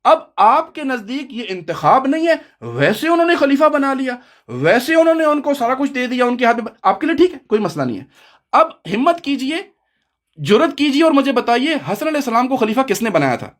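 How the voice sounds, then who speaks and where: A man's voice: very high-pitched, big pitch swings. Man, debater, combative, lecturing, cuts in on his opponent, heated online debate.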